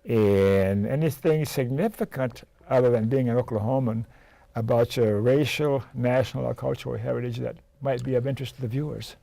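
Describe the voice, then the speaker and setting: A man's voice: mid-range voice, moderate pace, creaky, dark tone, no room sound. An older man hosting an interview, asking questions in a chatty way with joking asides. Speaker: interview host.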